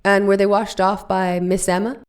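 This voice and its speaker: A woman's medium-pitched voice, level in tone and at a normal speed, stays close to her everyday sound as she reads an 1890s defense attorney's cross-examination. The dramatic trial-transcript reading is probing, with pressing, leading questions put to a witness.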